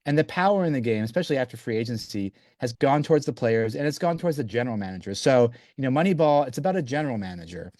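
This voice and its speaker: Speaking fast and expressively with few pauses, a man in his forties who grew up in Belgium answers interview questions about his book as an author guest. His mid-range voice has a darkish tone, and he restarts often and says "you know" in his eager, stop-start way. The sound is studio quality with no echo.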